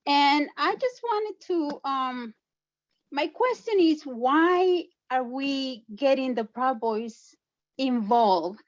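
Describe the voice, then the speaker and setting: Speaking as a public commenter at an online town hall, a Salvadoran woman with a Salvadoran Spanish accent talks insistently and defensively, repeating her points. Her high voice is animated and slow, and the sound is lo-fi.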